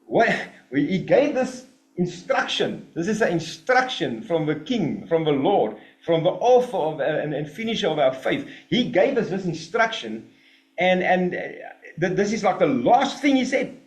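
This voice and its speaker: A man's voice: high voice, moderate pace. Male preacher, emphatic sermon delivery with sarcastic asides, echoing room. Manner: animated, emphatic, mocking asides. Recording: roomy echo.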